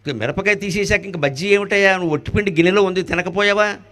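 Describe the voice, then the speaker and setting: A man with a high voice gives a spiritual discourse. He jokes with the audience, fires off rhetorical questions and chants Sanskrit verses. He swings from loud, animated bursts to soft, low asides. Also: fast. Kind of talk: devotional discourse.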